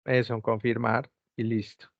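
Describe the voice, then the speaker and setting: A man's voice: medium pitch, level tone, normal speed, dry recording. A man tutoring an online class over a video call, patiently repeating step-by-step instructions. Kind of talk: guiding students through a video call. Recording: dull lo-fi call audio, dry.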